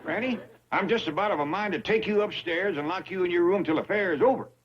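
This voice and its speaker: A man's voice: high-pitched, fast talker, lightly acted. A man playing a patient, plain-spoken hillbilly father, drawling mildly in 1960s sitcom style. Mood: exasperated. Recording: dull TV audio with studio audience.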